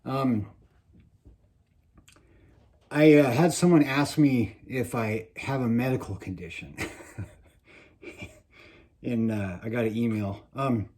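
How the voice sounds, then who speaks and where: A trapping video presenter talks through a casual instructional vlog in a mellow, relaxed voice of ordinary male pitch. His speech is slightly slurred, as if he has a mouthguard in, and his S sounds whistle a little. He speaks haltingly, pausing now and then to swallow.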